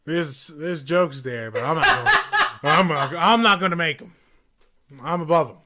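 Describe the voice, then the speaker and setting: A man's voice: fairly high pitch, sing-song, measured pace, very noisy. A young man casually chatting as a podcast co-host, rambling with lots of fillers and breaking into silly voices. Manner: rambling, filler-heavy, acts out game characters in silly voices. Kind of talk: casual chat.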